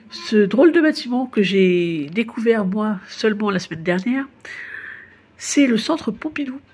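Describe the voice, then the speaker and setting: At a medium pitch and with a slightly rough voice, a woman from Paris gives casual spoken narration for a guided city tour. She addresses the listener in a chatty, informal way and laughs off her own slips.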